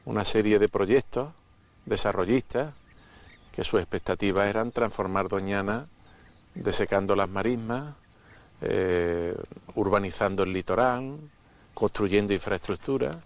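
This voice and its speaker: A man's voice: on the low side, unhurried. A man with an accent from Spain speaking in an interview as an official. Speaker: nature park director, interviewee. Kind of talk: interview talk.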